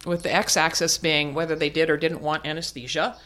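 A woman's voice: sits low, little pitch movement, a little fast, a bit bright. Frank, reflective older woman. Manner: frank and reflective, with restarts and laughs. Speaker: guest speaker. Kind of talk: candid conversational interview.

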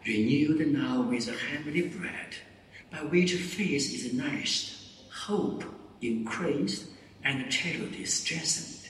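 Priest intoning in a cathedral echo. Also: male voice, a little high, fairly bright tone, slight background noise. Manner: slow, solemn intoning. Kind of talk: liturgical prayer and chanted blessing. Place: large church during Mass. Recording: echoey church from far off, faint music.

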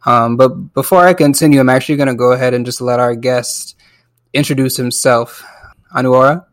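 A man's voice: medium pitch, fairly even intonation, brisk, dry recording, studio quality. A man hosting a podcast interview, asking long and careful questions. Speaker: podcast host.

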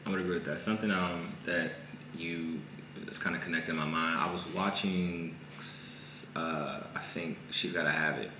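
A man's voice: low voice, steady tone, normal speed. A man hosting a podcast in casual conversation, laid-back and slangy, easily agreeing with his guest. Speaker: podcast host. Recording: echoey room with faint noise.

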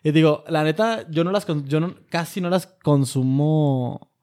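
A man's voice: a little high, a little slow, a little mellow. Rambling slangy man. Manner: rambling, self-correcting, slangy. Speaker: podcast co-host. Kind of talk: casual chat.

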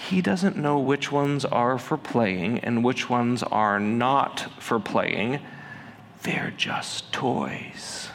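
A gentle wife , as a male preacher puts her on, speaks softly and slowly to calm things down. Her mild tone carries the long reverb of a large hall. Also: mid-range voice, vocal fry, slight background noise, heavily acted. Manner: soft and slow. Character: gentle wife calmly soothing an upset husband.

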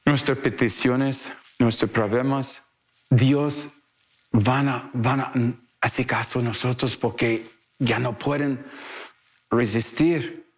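Earnest priest preaching in halting Spanish. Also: male voice, mid-range voice, steady tone. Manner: non-native Spanish with broken grammar, slow and earnest. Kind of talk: sermon.

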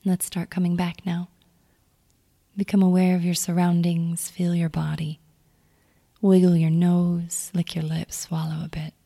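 A woman leading a calm guided grounding exercise, giving gentle, soothing instructions in a soft, near-whispered delivery. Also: fairly low pitch, a little slow, creaky. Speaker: meditation guide.

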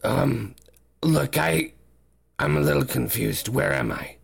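A man's voice: mid-range voice, takes it slowly, creaky, slightly rough. A man playing a tabletop game, casually improvising his character's lines. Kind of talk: casual improvised role-play.

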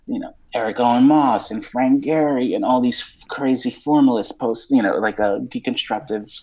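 A man's voice: medium pitch, normal speed, warm tone, low-quality recording. A man in his thirties from Romania, talking in a rambling, searching way with lots of fillers and some casual swearing as an interview guest. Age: 30s.

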